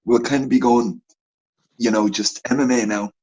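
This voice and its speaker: A man co-hosts a casual fight-sports podcast, his husky voice running through animated, wandering anecdotes. The recording sounds dull and lo-fi. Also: medium pitch, normal speed. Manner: animated, rambling anecdote-telling. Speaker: podcast co-host.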